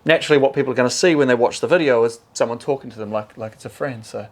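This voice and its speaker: A man's voice: medium pitch, rapid-fire. A man hosting a casual interview, upbeat and encouraging, often repeating words as he talks. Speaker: host.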